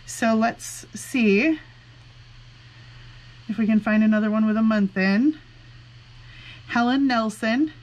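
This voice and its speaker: A woman with a fairly high voice talks as the host of a casual craft vlog. She is effusive and exclamatory, rambling from one thought to the next as she chats to her viewers. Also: slow, long pauses, darkish tone, poor audio. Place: indoors at a desk with a laptop.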